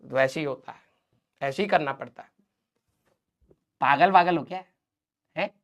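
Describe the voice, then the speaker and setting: A man runs a live online class in a fairly high voice, chatting and poking fun at his students. His delivery is loose and joking, a teacher ribbing the class between topics. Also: unhurried, a bit bright. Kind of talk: casual live-class banter.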